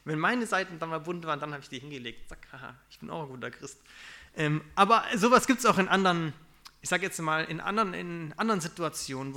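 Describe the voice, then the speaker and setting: A young man preaching in a relaxed, conversational way, confessing his own failings and acting out what people say. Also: fairly high pitch. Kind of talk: casual sermon.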